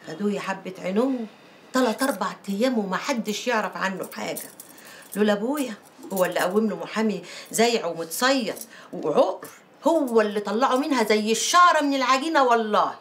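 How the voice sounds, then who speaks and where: A woman playing a lively, bright Egyptian woman. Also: medium pitch, fast talker, a little hiss or hum, natural voice. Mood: worried. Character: worried, excitable Egyptian woman.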